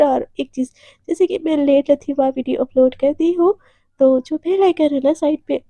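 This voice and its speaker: A woman's voice: sits high, warm tone, no room sound. A talkative woman telling a romance story in a casual way to her channel's listeners. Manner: chatty, talkative.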